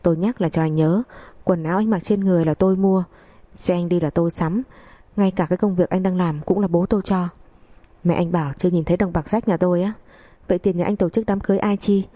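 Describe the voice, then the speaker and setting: A woman's voice: lowish voice, fairly even intonation, fast, warm tone, no room sound, lightly acted. A woman doing a cool, mocking young wife. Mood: defiant. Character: defiant, sharp-tongued young pregnant wife.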